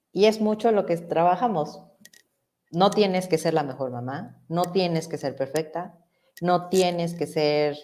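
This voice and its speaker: A woman's voice: low voice, a little mellow. A middle-aged woman psychologist, explaining ideas in a reflective way and asking rhetorical questions. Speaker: psychologist guest. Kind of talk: conversational explanation.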